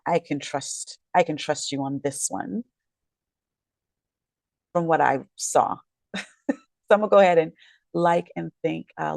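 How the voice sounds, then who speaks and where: Her voice is low-pitched, creaky, and a touch mellow as this woman, a real estate agent and legal commentator, discusses a court case informally from home late at night. She sounds tired, rambles, corrects herself often, and apologizes. The recording has no room sound.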